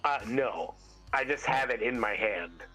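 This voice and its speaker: A man's voice: mid-range voice, expressive, measured pace, sharp tone, faint music behind, low-quality recording. Laid-back joking male player. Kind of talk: in-character tabletop play.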